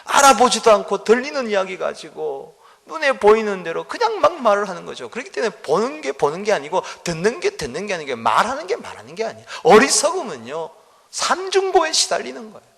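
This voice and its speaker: Gravelly, animated Korean preacher. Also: male voice, high-pitched, brisk, long reverb tail. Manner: animated storytelling, acting out quotes. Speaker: pastor. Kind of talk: sermon. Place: church sanctuary.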